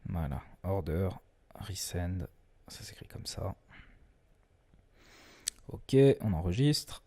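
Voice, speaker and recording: A man presenting a screen-recorded software tutorial in a relaxed, chatty way, often hesitating and restarting his sentences. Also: deep voice, takes it slowly, vocal fry, breathy edge. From France. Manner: self-deprecating humor.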